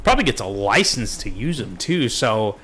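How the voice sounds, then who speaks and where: A man's voice: mid-range voice, big pitch swings, fairly quick, sharp tone, a little hiss or hum. A man hosting a casual tech live stream, rambling and joking as he goes off on tangents. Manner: laid-back, jokey, self-interrupting. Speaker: show host.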